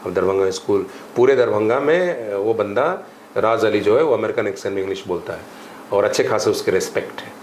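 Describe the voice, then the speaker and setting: Emphatic English-teacher man, echoey. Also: on the low side. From India. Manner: animated, emphatic teaching, mixes Hindi with English phrases and drills. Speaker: spoken English teacher and coaching director. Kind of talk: podcast interview. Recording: echoey room with faint ambient noise.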